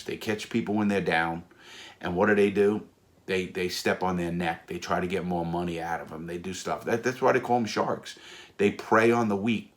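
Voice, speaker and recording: A middle-aged American man with a deep, low voice tells a story of his own in a casual, spoken way. He is blunt and animated, and he often repeats words and circles back to a point.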